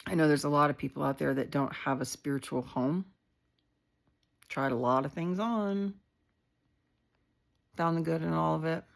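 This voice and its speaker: A woman with a notably low, deep voice talks into her phone on a live stream. She is heartfelt and candid, loose with fillers and an occasional swear word. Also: gravelly. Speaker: community leader hosting a live video. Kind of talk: casual livestream talk.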